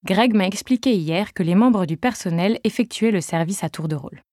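A woman's voice: mid-range voice, moderate pace, darkish tone, no echo, clean studio sound. A woman narrating a novel in the first person with a wry tone. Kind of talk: audiobook narration.

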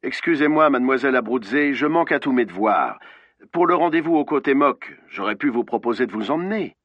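A man's voice: mid-range voice, expressive, a little fast, no echo, muffled recording, natural voice. A man voicing a male killer on the phone, first pleading, then ironic and falsely polite, in an audiobook. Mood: mocking. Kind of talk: audiobook acting.

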